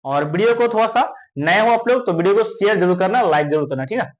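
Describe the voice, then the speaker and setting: A man with a Bihari Hindi accent teaches a school science class, his voice sitting high for a man. He keeps asking the class a question and answering it himself. He calls his students dear children. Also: animated, fast talker, low-quality recording. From India. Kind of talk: classroom lesson.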